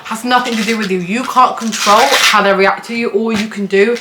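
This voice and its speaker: A woman's voice: a little high, fairly even intonation, brisk. A woman giving casual self-help advice in an earnest, reassuring, chatty way, with lots of "like" fillers. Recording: noticeable background noise and clicks.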